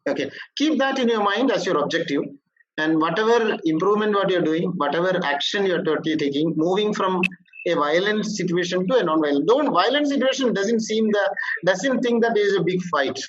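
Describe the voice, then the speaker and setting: A male corporate trainer lecturing a workshop group, explaining in a halting way with frequent restarts. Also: sits high, expressive, dull audio.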